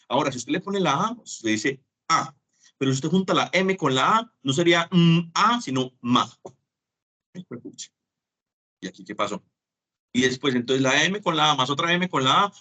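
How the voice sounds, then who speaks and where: A man's voice: mid-range voice, a bit bright. A man giving an online teaching lecture, chatty and acting out small dialogues as examples. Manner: chatty, acts out little dialogues. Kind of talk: web conference lecture.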